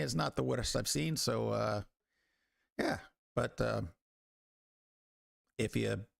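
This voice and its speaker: A man voicing a gruff middle-aged male blacksmith in a tabletop game, blunt and folksy. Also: medium pitch, no room sound, studio quality, exaggerated voice.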